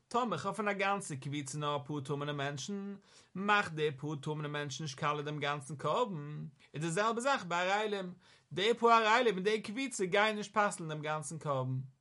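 A man's voice: on the high side, lively intonation, moderate pace, sharp tone. A man explaining a page of Talmud in a chanting study-hall manner, rising and falling for emphasis. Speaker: Talmud teacher. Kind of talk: Yiddish-style Talmud lesson.

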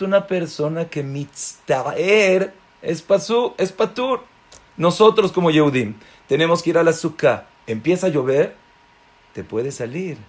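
A man giving a Torah class, emphatic and swinging from soft remarks to loud exclamations, sprinkling in Hebrew religious terms. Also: fairly high pitch. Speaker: Torah teacher.

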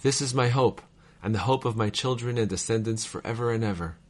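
A man reading old letters aloud in a measured, formal cadence, as a reader of devotional texts. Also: mid-range voice, darkish tone.

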